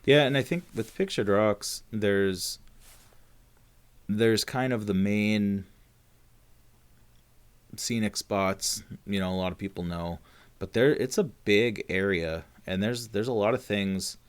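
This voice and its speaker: Podcast co-host: man, very low voice, easygoing rambling chat. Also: slow pace, long pauses, clear, resonant tone. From Upper Peninsula of Michigan. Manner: rambling, many fillers and restarts. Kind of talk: casual chat.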